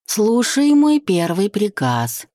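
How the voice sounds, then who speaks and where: A woman's voice: mid-range voice, big pitch swings, slow, dark tone, dry recording, studio quality, pitched above the performer's own voice. Woman reading a teasing, bossy young husband. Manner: playful, bossy, tender. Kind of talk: audiobook reading.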